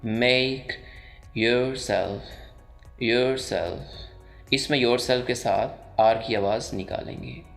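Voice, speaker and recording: A man with a Pakistani accent teaching English pronunciation in a voice-over, explaining slowly and repeating each example word several times. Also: mid-range voice, creaky, a bit bright, soft background music. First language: Urdu. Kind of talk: pronunciation lesson.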